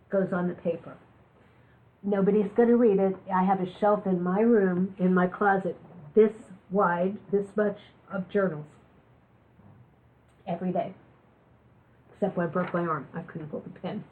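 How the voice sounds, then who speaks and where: A woman's voice: medium pitch, a little hiss or hum. Woman speaking through a thin, phone-like recording. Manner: candid, joking storyteller. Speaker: speaker giving a talk on chronic illness. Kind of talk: public talk with personal stories.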